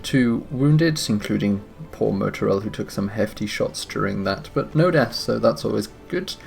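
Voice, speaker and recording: A man giving relaxed, wry commentary on his gameplay, sounding a bit tired. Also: on the low side, normal speed, gravelly. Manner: relaxed, wry, thinking aloud. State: tired, yawning. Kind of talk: casual let's-play commentary. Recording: music playing behind.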